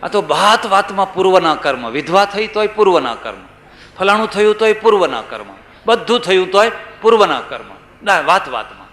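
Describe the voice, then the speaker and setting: A man's voice: high-pitched, big pitch swings, normal speed, a bit bright. A man giving a religious discourse, telling stories and asking rhetorical questions. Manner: storytelling, rhetorical questions, acts out quoted people. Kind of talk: sermon. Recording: echoey room.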